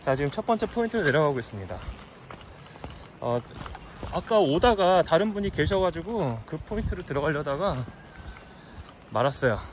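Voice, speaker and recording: A man speaks in a mid-pitched voice, casually walking viewers through his fishing trip, with plenty of fillers. His camera audio picks up steady road and river noise behind him. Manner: relaxed, explanatory, with frequent fillers. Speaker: fly fishing vlogger. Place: riverbank outdoors and inside a car.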